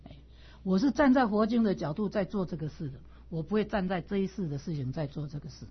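Husky middle-aged woman teaching a class. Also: lowish voice, fast talker. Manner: animated storyteller, repeats words and stammers on restarts. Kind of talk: casual teaching talk with personal stories. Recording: dull lo-fi recording.

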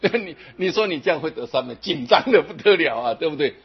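Very husky man giving a lively dharma talk. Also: fairly high pitch, a little fast, highs cut off. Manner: animated, chanting examples at varied speeds, rhetorical questions. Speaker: Buddhist teacher.

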